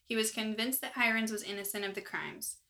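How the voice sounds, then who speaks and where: Woman, podcast co-host, bright tone, chatty, animated, casual true-crime chat. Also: a little high, fairly quick, creaky. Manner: chatty and animated, fillers and asides.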